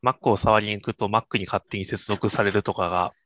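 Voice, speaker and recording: A man's voice: fairly low pitch, fairly even intonation, normal speed, fairly bright tone. A man co-hosting a podcast in casual tech chat, agreeable and explaining practical details. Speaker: podcast co-host.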